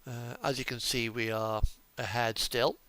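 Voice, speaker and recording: A man streams a game with casual, chatty commentary, hesitant and frequently trailing off mid-thought. His medium-pitched voice is level, pushed and bright at a measured pace, in a dry recording with music playing behind it and truck engine sounds coming from the game.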